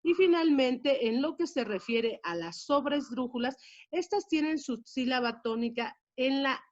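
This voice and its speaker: Woman, teacher, measured explanatory lesson, fairly high voice, dull lo-fi sound. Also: lively intonation. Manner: measured, explanatory, stresses key words. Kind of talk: spoken grammar lesson.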